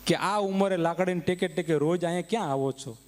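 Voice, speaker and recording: A man's voice: sits high, quick pace, darkish tone, in a large hall, close to an everyday voice. A man voicing a kind, respectful rickshaw driver in a raised, eager voice, as part of a live stage story. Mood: pleading.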